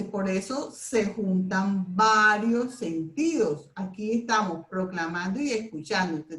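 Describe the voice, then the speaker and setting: A woman's voice: medium pitch, echoey room. A woman teaching a class, explaining step by step and leading a group recitation. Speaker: Bible memorization teacher. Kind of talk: classroom lesson.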